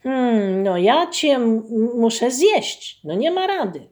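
This is a hulking, ungrateful forest bear from a storybook folk tale, put on by a woman reading aloud. The voice is loud and pitched high, with wide lively swings. The words come slowly and weightily. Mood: gloating. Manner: loud, pleading then gloating. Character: big ungrateful male forest bear, boastful.

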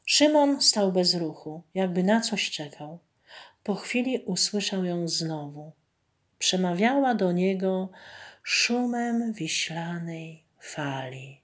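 A woman reading a legend aloud to children in a slow, expressive storytelling voice. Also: on the low side.

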